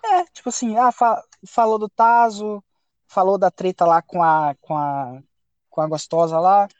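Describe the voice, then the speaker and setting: A man hosting a casual podcast chat, telling stories in an animated, profane way. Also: sits high, unhurried, dry recording, dull audio. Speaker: podcast host.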